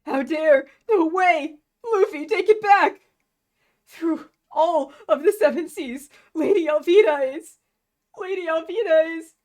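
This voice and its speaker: A woman voicing a timid, high-strung young cabin boy in a cartoon, anxious and squealing. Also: a little slow, darkish tone. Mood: outraged.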